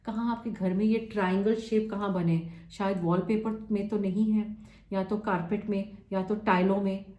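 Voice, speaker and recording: A woman's voice: mid-range voice, steady tone, normal speed, roomy sound, muffled recording. A woman teaching a live course, explaining point by point in a Hindi-English mix and often checking in with her listeners. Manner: explains in lists, checks in with "ठीक है?" and "right?"; mixes Hindi with English phrases. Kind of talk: live online lesson.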